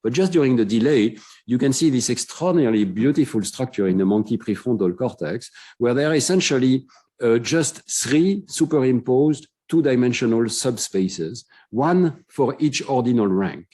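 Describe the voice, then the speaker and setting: A middle-aged man giving a conference lecture, explaining research findings with frequent "uh" fillers and clear enthusiasm. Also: medium pitch, expressive, moderate pace, mellow.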